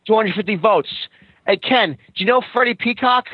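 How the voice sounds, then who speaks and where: A man co-hosting a podcast who calls in over a poor phone line that sounds like a payphone, asking deadpan questions and repeating his host's name before each one. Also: high-pitched, brisk, husky, dry recording. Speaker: podcast co-host. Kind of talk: deadpan running gag chat. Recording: dull lo-fi phone call.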